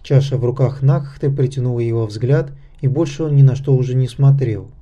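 A man reads a fantasy audiobook with steady, measured narration. His tone is deep and dark, mellow rather than bright, at an ordinary male pitch. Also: muffled recording. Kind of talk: scripted narration.

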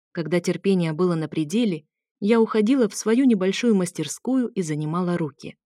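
Female audiobook narrator, intimate romance read, dark-toned, dry booth. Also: mid-range voice, no echo. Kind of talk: first-person romance narration.

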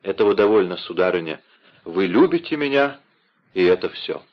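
A man's voice: deep voice, lively intonation, normal speed, dull audio, voice pushed down. A man playing an ardent devoted nobleman. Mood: tender. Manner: ardent, impassioned.

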